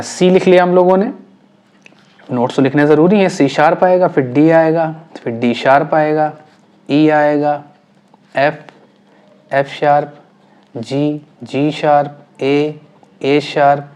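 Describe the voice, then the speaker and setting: A male music teacher walks through chord theory at an easy pace, repeating each step and asking if it is clear. His voice sits a little high for a man. He sounds like he is writing as he talks. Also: darkish tone. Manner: patient, repeats points and checks understanding often.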